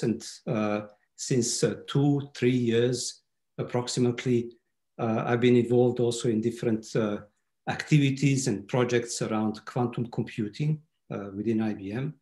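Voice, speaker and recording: A man from Serbia, a native Serbian speaker, presents at an online webinar in a voice of middling pitch. He talks haltingly, filling the pauses with "uh". The room around him is noticeably echoey. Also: darkish tone. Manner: hesitant, many fillers. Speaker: guest speaker. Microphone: video call. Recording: roomy echo.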